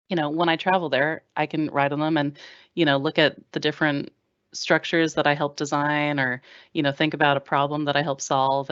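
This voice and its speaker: An American woman in her thirties, a rail engineer giving a relaxed, chatty career talk over a video call. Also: deep voice, clear, resonant tone, no room sound, lo-fi sound. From United States. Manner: relaxed, chatty, with many fillers. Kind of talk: presenting a slide talk.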